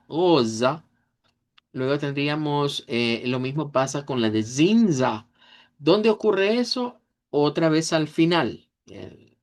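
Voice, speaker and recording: A language teacher giving an online lesson, explaining each point step by step and repeating words to model how they sound. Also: medium pitch.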